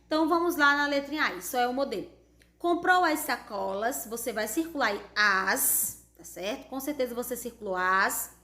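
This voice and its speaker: A woman's voice: a little high, expressive, normal speed, pushed and bright, echoey room. A Brazilian woman teacher going over homework answers for children step by step, patiently checking in as she goes. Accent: Brazilian Portuguese.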